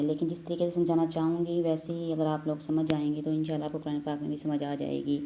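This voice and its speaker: A woman with a Pakistani Urdu accent, teaching Quran reading step by step, patiently repeating letter sounds slowly. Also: sits low, mellow. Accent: Urdu-speaking, Pakistani. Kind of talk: step-by-step recitation lesson.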